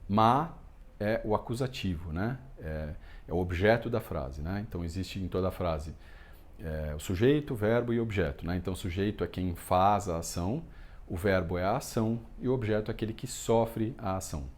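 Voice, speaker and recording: Male yoga teacher, lowish voice, relaxed explainer, chants mantra lines slowly. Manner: relaxed, explanatory, constant filler "né?". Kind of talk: explanatory lesson on a Sanskrit mantra.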